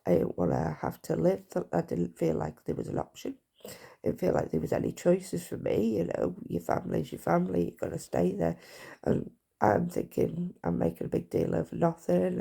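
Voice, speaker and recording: A woman talks to her phone camera in a heavily gravelly, husky voice, mellow and low in brightness. She speaks frankly and haltingly, pausing and restarting as she reflects. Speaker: vlogger. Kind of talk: personal testimony to camera.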